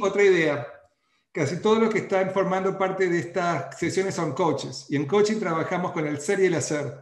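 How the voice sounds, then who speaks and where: A man's voice: sits high, reverberant. A man hosting an online webinar on a video call, reading out feedback and then explaining a point. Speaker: webinar host.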